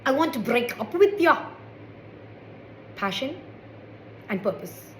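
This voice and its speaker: A woman's voice: high voice, big pitch swings, slow pace, fairly bright tone, roomy sound, slight background noise, heavily acted. A woman voicing a stern parent in a put-on Scottish accent, scolding and bossy. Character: stern Scottish-voiced parent lecturing a child.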